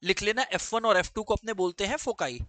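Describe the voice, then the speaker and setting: A man's voice: high-pitched, fairly quick, a bit bright, no room sound. A man teaching a maths lesson to students, repeating key phrases and firing questions at the class.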